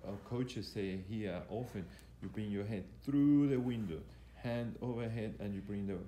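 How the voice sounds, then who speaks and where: A man's voice: on the low side, normal speed, mellow. Male fitness coach in an echoey gym. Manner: hesitant, repetitive, instructional. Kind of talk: live exercise demonstration commentary. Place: indoor gym. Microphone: handheld camera operated by the speaker. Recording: echoey room, faint background noise.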